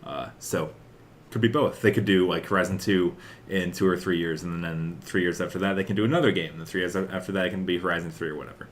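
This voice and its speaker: A fast-talking young man with a low-sitting voice hosts a podcast, and there's a little hiss or hum in the recording. It's casual, rambling chat about video game news, heavy on filler words such as "like" and "uh."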